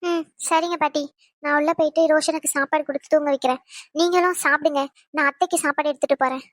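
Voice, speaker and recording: A woman's voice: high voice, steady tone, fast, no room sound, studio quality, natural voice. A woman voicing a polite, worried young granddaughter in a cartoon, meek in manner. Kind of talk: cartoon voice acting.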